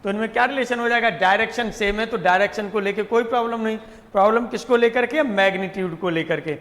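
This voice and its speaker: Man, math teacher, high voice, repeats terms, reverberant room. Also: fast talker, fairly bright tone. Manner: repeats terms and asks himself questions. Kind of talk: classroom lecture.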